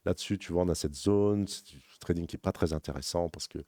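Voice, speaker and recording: A man talking rapidly and informally as a crypto trading analyst, walking the viewer through charts in a rambling, self-correcting way. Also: low-pitched, warm tone, no echo, studio quality. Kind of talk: casual chart walkthrough addressing viewer as tu.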